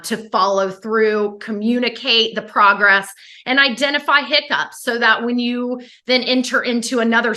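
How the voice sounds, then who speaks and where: Woman, bright tense voice, mid pitch, emphatic, conversational expert interview guest.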